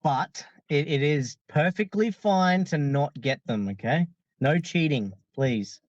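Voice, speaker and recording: A man's voice: fairly high pitch, expressive, slow pace, no room sound. A man co-hosting a podcast in casual chat, adding easygoing, self-deprecating asides over a slightly muffled mic.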